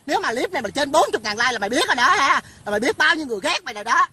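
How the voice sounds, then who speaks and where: High-voiced woman ranting. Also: very animated, racing, bright, forceful tone. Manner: profane, insulting, scolding. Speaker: online personality. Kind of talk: angry rant to camera. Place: outdoors by a rain-filled pit. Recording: outdoor traffic noise behind.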